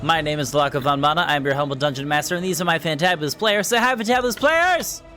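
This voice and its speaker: A man's voice: a little high, fairly even intonation, fast, sharp tone, soft background music. A man hosting a tabletop game livestream as dungeon master, with a playful, theatrical way of talking. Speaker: dungeon master and stream host. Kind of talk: livestream hosting, casual chat.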